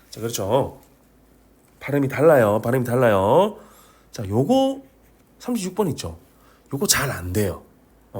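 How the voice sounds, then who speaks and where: A man with a Korean regional dialect teaching Vietnamese pronunciation in an online lesson, repeating each sound as a drill and joking along the way. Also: a little high. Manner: lively, drills sounds by repeating them, jokes and apologizes.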